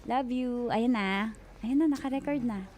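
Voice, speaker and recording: A woman's voice: a little high, moderate pace, lightly acted. A woman playing a young girlfriend who expects a marriage proposal and is hurt by her boyfriend's confession, in a radio drama. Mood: coaxing. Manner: coaxing, then tearful, then shouting.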